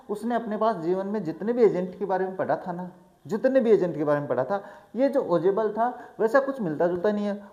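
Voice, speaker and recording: A male teacher explaining a textbook chapter, reading English lines slowly and then explaining them in a chatty way. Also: on the high side, a little mellow. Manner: chatty, addresses students as brother. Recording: echoey room.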